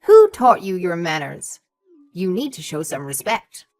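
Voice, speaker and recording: In a scripted audio story, a woman plays a haughty, suspicious elderly mother-in-law, scornful and condescending. Her voice is on the low side with big pitch swings and a measured pace. She's sharp, calling others "sweetheart" and "darling."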